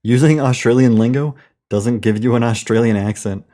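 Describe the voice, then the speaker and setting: A man chatting on a casual gaming stream. He talks in a blunt, offhand way at an everyday pitch and keeps saying "dude". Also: moderate pace, warm tone.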